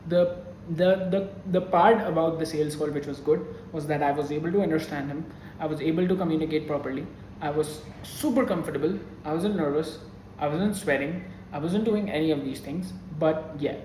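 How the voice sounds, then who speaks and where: Young male vlogger, earnest, fairly high for a man, roomy echo on the voice. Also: a little fast, a little mellow, a little hiss or hum. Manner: earnest and openly emotional. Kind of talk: casual vlog talk to camera. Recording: echoey room sound.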